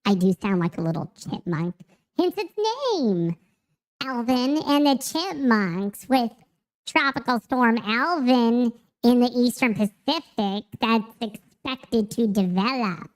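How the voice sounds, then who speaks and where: A man talking through a high-pitched chipmunk voice-changer effect, joking around on his weather stream as a little chipmunk. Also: animated, takes it slowly, heavily acted. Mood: playful. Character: squeaky little male chipmunk.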